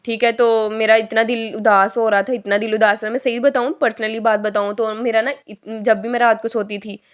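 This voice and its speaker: A young Pakistani vlogger chats casually through a shopping haul, rambling and often correcting herself mid-sentence. A sore throat leaves her voice hoarse and heavy, though fairly high in pitch, with little pitch movement and a slightly fast pace.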